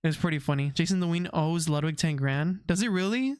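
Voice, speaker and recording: A man's voice: on the high side, lively intonation, fast talker, darkish tone, smooth, no room sound, clean studio sound. A young man streaming, chatting casually with his viewers, rambling off on tangents and laughing often.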